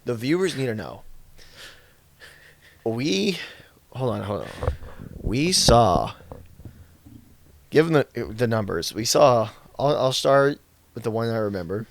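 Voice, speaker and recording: Worn-out young man, lively pitch. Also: slow, creaky, pauses often. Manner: excited, laughing, swings between loud and tired. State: worn out and shivering. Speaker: podcast host. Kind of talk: casual vlog chat. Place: outdoors after a night run.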